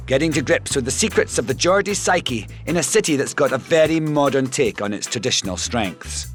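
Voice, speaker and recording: Male TV presenter, voice-over, animated delivery, clear music bed. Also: medium pitch. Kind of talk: scripted voice-over narration.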